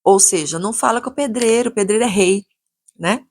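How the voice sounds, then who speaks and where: A woman's voice: medium pitch, a little fast. A woman vlogger casually telling a story from her home renovation, chatty and full of fillers. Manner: chatty, retells dialogue with many fillers.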